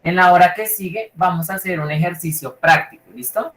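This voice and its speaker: Over a video call, a man from Bogotá gives a live online literature lecture in a high, brisk, slightly bright voice with a Bogotá Colombian Spanish accent. He rambles informally and keeps checking that his students are following, all in an echoey room.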